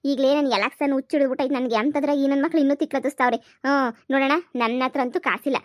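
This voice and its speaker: A high, rapid-fire cartoon mother, voiced by a woman, stubborn and quick to scold. She grumbles and refuses, recorded dry and close with no room sound. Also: no room sound, natural voice. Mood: defiant. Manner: scolding, grumbling, fast and defiant. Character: stubborn middle-aged village mother, election-obsessed. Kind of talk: cartoon comedy voice acting.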